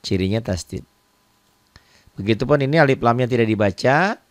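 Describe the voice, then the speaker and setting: A man with an Indonesian accent teaches beginners how to read the Quran, going over each point again and again in a patient way. His voice sits at a middle pitch, and it is recorded dry, close to the mic. He often stops to point at an example on the page. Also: expressive, moderate pace, dry recording. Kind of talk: online recitation lesson.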